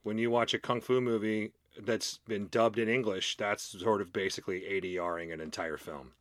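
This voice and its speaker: A man's voice: lowish voice, steady tone, normal speed, no room sound, studio quality. A man guesting on a podcast as an actor, telling anecdotes in a casual, friendly and self-effacing way. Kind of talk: casual anecdotal interview chat.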